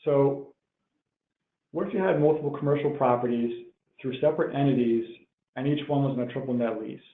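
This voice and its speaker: Speaking at medium pitch and a little fast, a man delivers a tax webinar lecture explaining the material as a tax professional. His audio sounds tinny, like a phone line, and echoes around the room.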